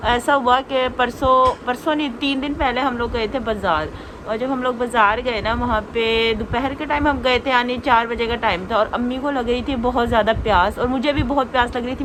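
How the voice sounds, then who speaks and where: A young woman talks in a chatty, confiding way for her vlog, voice a little high. Her throat is sore after a flu. A faint hum of noise sits behind her. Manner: chatty, confiding, drawn-out complaints. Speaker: vlogger. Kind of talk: casual home vlog chat.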